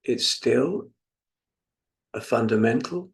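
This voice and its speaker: Leading a guided meditation, this British teacher from England, in his seventies, speaks reflectively and pauses as he gently offers instructions. He has a mid-range, expressive voice.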